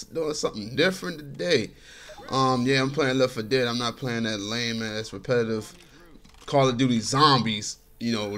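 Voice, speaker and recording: A man's voice: mid-range voice, fairly bright tone. Laid-back, chatty man doing game commentary. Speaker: gaming commentator. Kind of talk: casual gameplay commentary. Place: his bedroom.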